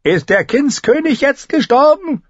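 Man playing a brassy shrill woman heckling from a window, loud and mocking, dry close audiobook sound. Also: expressive, a little slow, no room sound, dull audio. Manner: loud, mocking, called from afar. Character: brash red-haired woman shouting from a window.

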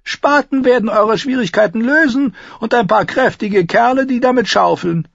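Sardonic dwarf lord, pitched well up, loud and mocking, husky, lo-fi audiobook. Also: male voice, normal speed, no echo, full character voice. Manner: sardonic, teasing, raised and loud. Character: quick-witted mocking dwarf nobleman, adult man.

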